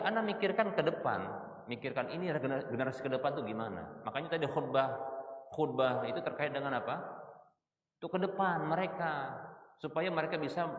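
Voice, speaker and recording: A middle-aged man with a Medan-area Indonesian accent preaching in a mosque, quizzing his listeners with rhetorical questions. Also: mid-range voice. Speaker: Islamic preacher. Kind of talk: mosque study sermon. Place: mosque hall. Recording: echoey, distant, muffled hall recording.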